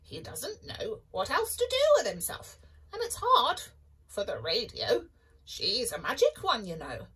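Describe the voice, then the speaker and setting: A woman's voice: on the high side, wildly swooping pitch, unhurried, fairly bright tone, slightly rough, voice pushed up, heavily acted, low-quality recording. A woman voicing a chatty female magic chicken that cackles and squawks.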